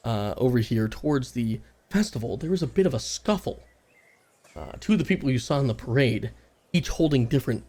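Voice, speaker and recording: A man narrating as game master in a live-streamed tabletop game, laughing often and filling pauses with "uh". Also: medium pitch, dark tone. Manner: laughs often, many fillers, puts on townsfolk voices. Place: home studio, live stream.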